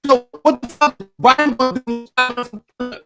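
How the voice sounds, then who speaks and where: A man's voice: extremely high pitch, level tone, fast, music in the background. A man on a video call pressing his questions in a heated casual debate, his voice breaking up over a bad connection.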